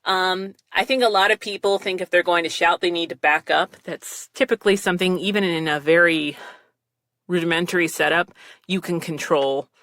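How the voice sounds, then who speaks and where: Speaking at a moderate pace, a bit bright and free of echo, this podcast guest rambles happily about recording advice for voice actors. She describes her voice as low, laughs often, leans on fillers, and talks into a close studio mic with headphones on.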